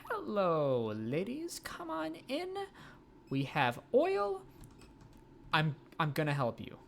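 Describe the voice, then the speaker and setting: Streamer doing a pushy upbeat shopkeeper, wheedling, pitch jumps around, bit of hiss behind. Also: wildly swooping pitch, slow, vocal fry, heavily acted. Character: pushy cheerful shopkeeper hawking oil. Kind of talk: playful game commentary.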